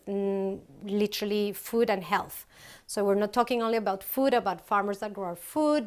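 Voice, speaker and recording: A middle-aged woman from Colombia, a company founder, casually presenting a cooking recipe in a large open kitchen, chatty with many ums and restarts. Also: medium pitch.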